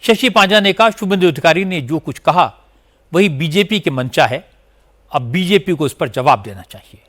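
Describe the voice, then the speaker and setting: A man's voice: on the high side, expressive, moderate pace, a bit bright. Emphatic male news anchor. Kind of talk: news narration.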